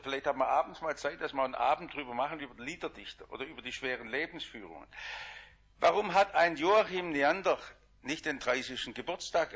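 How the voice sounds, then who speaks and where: A man preaching a sermon, shifting between loud emphatic lines and hushed quiet ones. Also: mid-range voice, husky, highs cut off.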